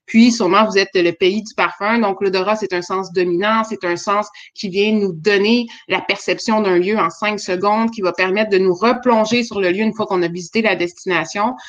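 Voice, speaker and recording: A woman with a Quebec French accent giving an informal pitch as a start-up presenter. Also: a bit bright, highs cut off. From Quebec, Canada.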